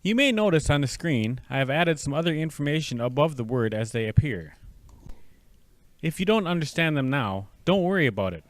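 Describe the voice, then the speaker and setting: A man's voice: fairly high pitch, big pitch swings, no room sound. A man teaching a language lesson, patiently sounding out syllables and words for the listener to repeat. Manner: slow, drawn-out repetition of syllables.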